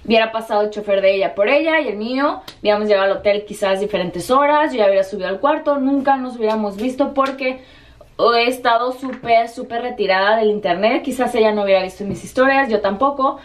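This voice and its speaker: Lively Mexican woman telling a story. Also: on the high side, quick pace. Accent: Mexican Spanish. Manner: lively, acts out every exchange in quoted voices. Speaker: vlogger. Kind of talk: storytelling to camera.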